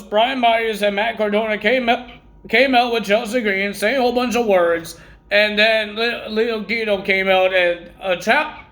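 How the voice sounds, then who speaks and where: A man's voice: high voice, fairly bright tone. A man recapping wrestling results in a casual vlog, rambling and correcting himself while he has the hiccups.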